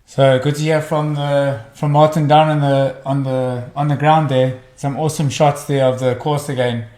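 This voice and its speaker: A man's voice: medium pitch, little pitch movement, normal speed, a little mellow, reverberant. A man co-commentating a motorbike race in a laid-back, bantering way.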